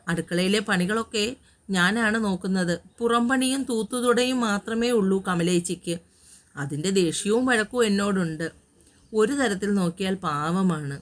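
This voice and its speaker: A woman voicing a caring, protective older uncle who talks with gentle fatherly reassurance in an audio story. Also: medium pitch, natural voice.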